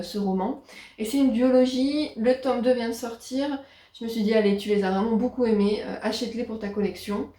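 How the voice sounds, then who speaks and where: A woman chatting casually about her latest books as a book vlogger, talking in a hesitant way with frequent pauses. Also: medium pitch, warm tone. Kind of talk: casual book haul chat. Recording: roomy echo.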